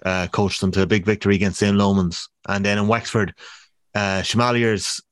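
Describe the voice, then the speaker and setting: A man's voice: low voice, level tone, a little fast, no room sound. A man with an Irish accent hosting a casual sports podcast, giving a round-up.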